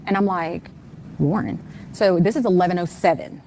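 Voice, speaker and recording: Middle-aged woman recounting events, lowish voice. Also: moderate pace, dark tone, slight background noise. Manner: detailed step-by-step retelling with frequent "um" and "like". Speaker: interview guest, mother of the missing person. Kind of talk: conversational personal account.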